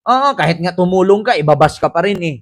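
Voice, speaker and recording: A man's voice: high voice, expressive, fast talker. A man hosting a casual live commentary, chatting with rhetorical asides and reading viewer comments aloud. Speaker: commentary vlogger and host.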